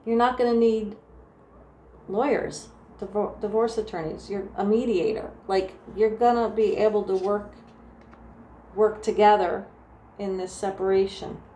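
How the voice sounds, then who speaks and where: Soft-spoken New Jersey woman reading tarot. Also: medium pitch, fairly even intonation, a little slow. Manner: soft, meandering, full of restarts and "like". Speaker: tarot reader. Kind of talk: casual tarot reading to camera. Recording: echoey room with faint ambient noise.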